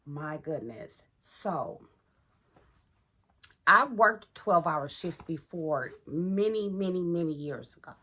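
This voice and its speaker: A woman's voice: lowish voice, expressive, slow, long pauses, sharp tone, husky. A middle-aged woman vlogging casually while getting ready, chatty and talking to viewers as y'all, in a groggy morning voice. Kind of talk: casual get-ready-with-me vlog.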